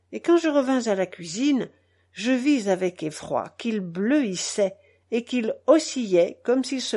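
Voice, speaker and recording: Expressive woman reading a novel. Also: on the high side. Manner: expressive storytelling. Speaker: narrator.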